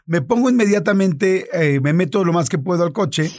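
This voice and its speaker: Animated high-voiced man. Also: normal speed. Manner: animated storyteller, acts out dialogue. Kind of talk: casual chat.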